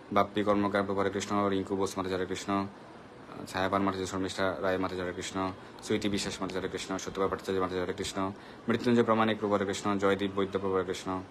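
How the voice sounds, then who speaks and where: Fast-talking man hosting devotional Q&A. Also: fairly low pitch, a bit bright, a little hiss or hum. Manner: patient, instructive, greets viewers one by one. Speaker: devotional Q&A host. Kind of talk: live devotional Q&A, reading viewer comments.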